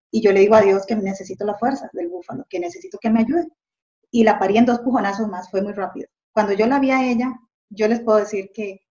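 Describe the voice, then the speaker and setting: A woman's voice: medium pitch, a little mellow. A middle-aged woman telling her story earnestly, often ending phrases with a tag question. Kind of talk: personal testimony. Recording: dull lo-fi sound.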